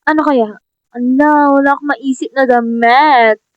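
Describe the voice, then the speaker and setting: Young Filipina gamer, high voice, slow teasing chatter, dull lo-fi dry mic. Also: female voice, fairly even intonation, clean tone, dry recording. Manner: chatty, teasing, talks to herself and viewers, laughs often. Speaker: gaming vlogger. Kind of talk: casual gameplay commentary. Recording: dull lo-fi sound.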